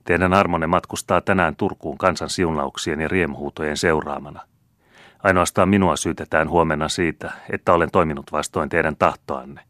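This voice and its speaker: A man's voice: very deep voice, steady tone, a bit bright, no echo, studio quality. A man reading aloud plays a stern, secretive estate steward, speaking in a grim, firm tone.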